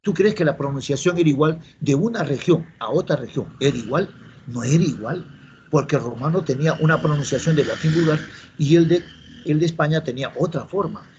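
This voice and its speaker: A man's voice: a little high, brisk, a little mellow. A man teaching a class, repeating key words and answering his own questions. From Peru. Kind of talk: classroom lecture. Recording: dull lo-fi classroom recording with faint noise.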